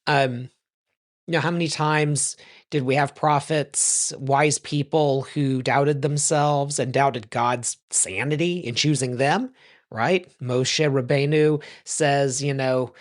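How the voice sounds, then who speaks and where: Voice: medium pitch, fairly even intonation, slow. Chatty rabbi telling jokes in a class. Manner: loose and chatty, many ums and self-corrections; tells jokes and explains them. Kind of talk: casual teaching talk.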